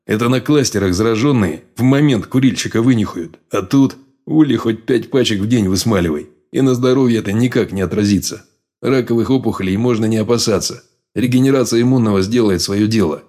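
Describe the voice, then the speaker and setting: A male audiobook reader voicing a calm, monstrous mutant sage with a low growling voice. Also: natural voice. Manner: calm, unhurried. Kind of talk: audiobook character voice.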